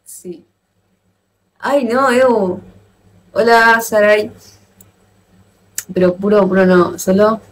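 A woman with an Argentine accent chatting casually with viewers on a live stream, playful and quick to exclaim and laugh. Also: medium pitch. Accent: Argentine Spanish. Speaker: livestreamer.

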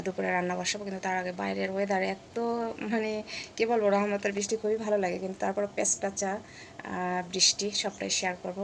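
A woman vlogging casually from her home kitchen, speaking softly and slowly because of a sore, hoarse throat. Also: mid-range voice, a little hiss or hum. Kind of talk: casual vlog narration.

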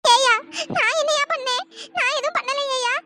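A voice actor voicing an elderly cartoon grandmother who fusses and coaxes, with a pitch-shifted voice. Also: fast. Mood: wounded. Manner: coaxing, fussing questions. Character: elderly grandmother, scolding yet doting. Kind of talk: cartoon storytelling dialogue. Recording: loud background noise.

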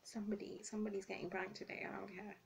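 A woman's voice: mid-range voice, level tone, very fast, vocal fry, a little hiss or hum, poor audio. A young woman chatting casually in a vlog, self-mocking and flustered. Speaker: vlogger.

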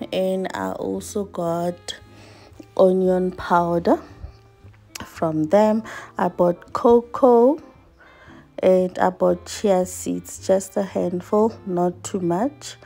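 A South African vlogger in her thirties chats casually with her viewers while washing dishes in her home kitchen, speaking slowly and unhurriedly in a mellow, low voice. She comes across as earnest and reflective. A camera across the room picks her up, with soft music faintly underneath.

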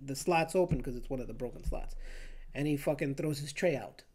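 A man, hosting a podcast and telling a story in a casual, animated way, swearing freely and tagging lines with "right?". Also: mid-range voice, brisk. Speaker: podcast host.

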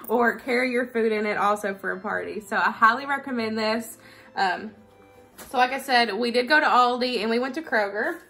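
In her living room, a woman with a fairly high, sharp-toned voice talks casually and informally to the camera as a vlogger. She's reviewing products and showing off a haul.

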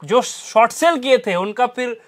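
A man's voice: extremely high pitch, animated, unhurried. A man teaching a stock trading strategy over a chart, stressing and repeating his key points. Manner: emphatic, repeats key phrases. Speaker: trading instructor.

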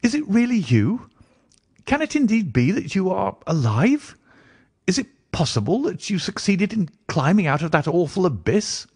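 A man voicing an astonished, loyal gentleman in an audiobook, earnest and exclamatory. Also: mid-range voice, very animated, moderate pace, breathy edge, no echo, clean studio sound. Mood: amazed. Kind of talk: audiobook character dialogue.

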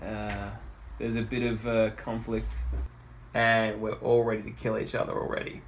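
A man's voice: lowish voice, level tone, moderate pace, a little hiss or hum. A man chatting on a travel vlog in a wry, understated way. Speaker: vlogger. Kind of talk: casual travel vlog chat.

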